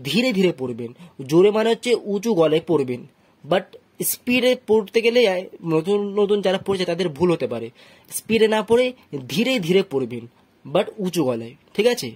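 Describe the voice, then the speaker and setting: Man, Bangladeshi Bengali accent, patient Quran teacher, slow syllable-by-syllable spelling. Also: high voice, a little mellow, husky. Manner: patient, spells out letters and vowel marks, often asks "ঠিক আছে?". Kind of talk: slow syllable-by-syllable recitation lesson.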